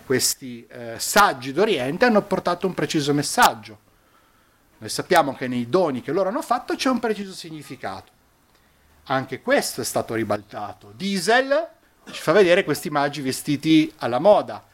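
Animated male preacher, lively pitch. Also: normal speed. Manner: animated, emphatic preaching with dramatic pitch swings. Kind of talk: sermon.

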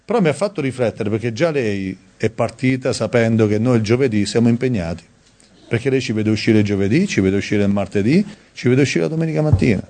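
A man preaching a sermon in a conversational way, reading scripture aloud and stressing key words with sudden high emphasis. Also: lively intonation, quick pace, mellow.

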